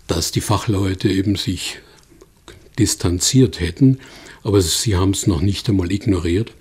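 A man's voice: low voice, warm tone, husky. A man interviewed as an expert guest, explaining at length in a thoughtful, conversational way.

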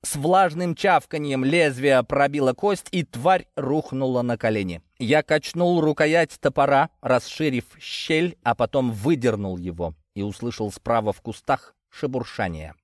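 Man, audiobook narrator, scripted first-person reading, mid-pitched voice, dry recording. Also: unhurried, few pauses, dry recording.

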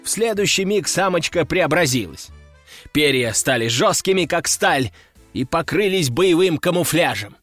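A man reading a first-person story aloud in a wry, measured manner. His voice sits a little high and sounds dry and close. Soft music plays faintly underneath. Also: lively intonation, no echo. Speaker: narrator. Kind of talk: scripted audiobook narration.

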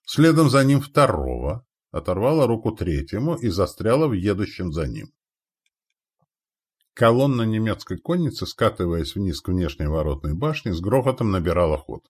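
A man with a very low, slightly breathy voice narrates a war audiobook, his pitch rising and falling animatedly. His reading is dramatic and vivid.

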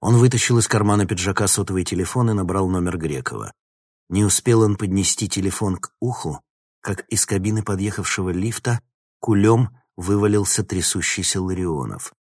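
A man reading an audiobook in measured storytelling narration. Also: low voice, a little mellow, husky, no room sound, clean studio sound.

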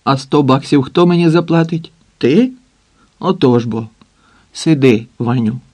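A man's voice: medium pitch, unhurried, warm tone, close to an everyday voice. A man playing a brash, streetwise woman. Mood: scolding. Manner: coarse, bossy, wheedling.

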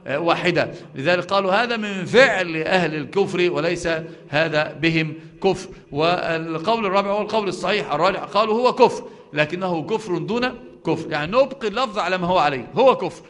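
A man's voice: high voice, quick pace, a bit bright. A man with an Egyptian accent teaching a live religious lesson, emphatic and full of "aah" fillers, restarts and rhetorical questions to his students. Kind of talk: live classroom lecture on doctrine.

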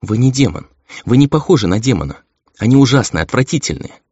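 A man puts on a timid angelic maiden from an audiobook, raising his voice into a soft, breathy hush. She pleads gently and adoringly. The recording sounds dull and lo-fi, dry, with no room around it. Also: mid-range voice, animated, fairly quick, no room sound, voice pushed up. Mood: tender.

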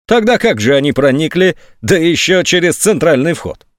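A sarcastic, scornful army general, put on by a man reading a story aloud, his voice pushed high and swinging widely as he mocks. Sneering and shrill at its peaks. Dry, close recording with no room sound. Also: sing-song, moderate pace, dry recording. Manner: mocking, sneering, sometimes shrill.

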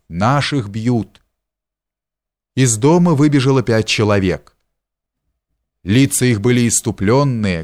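A man reading a historical novel aloud as an audiobook, steady and measured. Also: lowish voice. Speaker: audiobook reader. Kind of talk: scripted narration of a historical novel.

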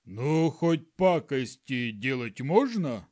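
A man voicing a crowd of old peasant ghosts who talk in drawn-out, howling tones. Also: medium pitch, very animated, darkish tone, no echo, clean studio sound. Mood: pleading. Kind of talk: audiobook narration.

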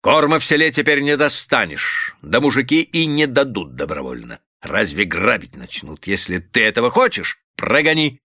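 A man's voice: mid-range voice, big pitch swings, moderate pace, hardly any pauses, sharp tone, dry recording, clean studio sound. A man voicing a young officer son who lisps and answers his father coolly. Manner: lisping, cool and reasoning.

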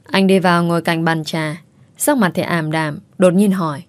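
A woman reads a story aloud at a steady, measured pace. Her voice sits low, and the recording is dry and close with no room sound. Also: dry recording. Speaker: story narrator. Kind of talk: audiobook story narration.

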